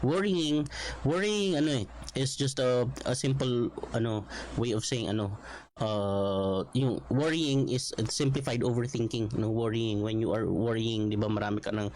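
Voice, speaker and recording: A man with a Filipino accent preaching a Bible study sermon in a conversational way, mixing Tagalog and English and rising in pitch on emphatic quotes. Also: unhurried, darkish tone, slight background noise, poor audio.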